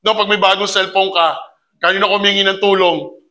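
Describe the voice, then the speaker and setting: A man giving a lively seminar talk to an audience, mixing in English phrases and keeps asking his listeners rhetorical questions. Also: high voice, fairly quick. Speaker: seminar speaker for a community orientation.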